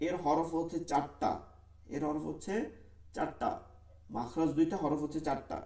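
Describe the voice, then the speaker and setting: A man teaching an online Quran recitation class, repeating each term slowly and leading the class to recite along. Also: fairly high pitch, dark tone, reverberant, recorded from a distance. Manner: repetitive, drills terms, has class recite along. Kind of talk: online tajweed lesson.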